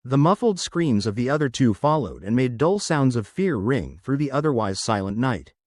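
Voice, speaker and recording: A man giving a scripted first-person horror narration in a steady storytelling read. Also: medium pitch, moderate pace, no room sound, studio quality.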